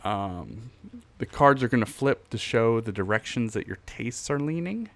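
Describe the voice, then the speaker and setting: A man hosting a solo board game design podcast, thinking aloud in a halting way with restarts while he has the hiccups. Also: medium pitch, animated, vocal fry, fairly bright tone, dry recording.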